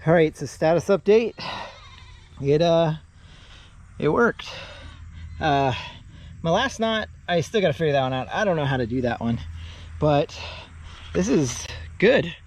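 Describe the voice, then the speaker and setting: A man's voice: on the high side, lively intonation, unhurried, pauses often. A man talking casually outdoors on his farm, hot and out of breath, rambling with lots of filler sounds. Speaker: farm vlogger. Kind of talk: casual outdoor vlog narration.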